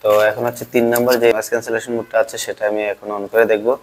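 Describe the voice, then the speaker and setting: A man's voice: lowish voice, very fast. A man reviewing a gadget in a casual vlog, speaking through a clip-on mic whose noise cancellation leaves processing artifacts on his voice. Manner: steady explaining tone with many fillers. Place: parked car on a busy street, window open. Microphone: clip-on wireless lavalier. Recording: street traffic noise behind.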